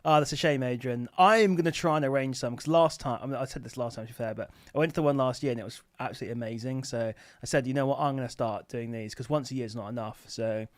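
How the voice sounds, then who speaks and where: A man's voice: mid-range voice, fast talker, hardly any pauses, no echo, clean studio sound. A man hosting a casual livestream, chatting informally and rambling as he answers viewers. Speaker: livestream host answering questions about online selling. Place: office.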